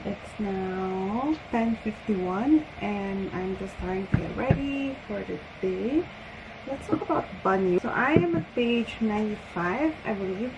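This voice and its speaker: Recorded at home, this rambling video diary features a book vlogger from the Philippines chatting and giggling casually with viewers. She has a mid-range voice, and the lo-fi audio carries background noise.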